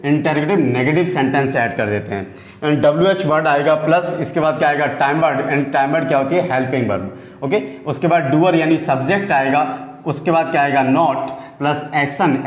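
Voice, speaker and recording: A man's voice: on the high side, reverberant. A man teaching English grammar in Hindi, explaining step by step and asking himself rhetorical questions along the way. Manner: keeps asking rhetorical questions, repeats key words.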